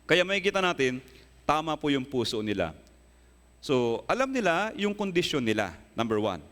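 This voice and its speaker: A pastor delivers an earnest sermon in a fairly high male voice, rising into emphatic peaks and asking his listeners rhetorical questions. His words ring out with a long reverb from the church hall around him. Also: sing-song, moderate pace, a bit bright. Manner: earnest preaching, rises to emphatic high bursts; asks the congregation rhetorical questions.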